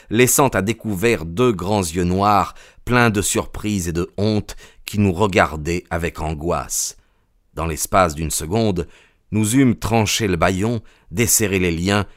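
A man giving measured audiobook narration of a classic novel. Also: sits low, no echo, studio quality.

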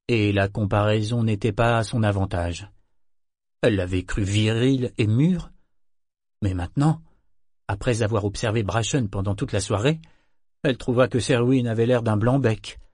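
A man narrating a novel in a measured, steady storytelling voice. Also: mid-range voice, no echo, studio quality. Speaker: audiobook narrator. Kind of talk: scripted narration.

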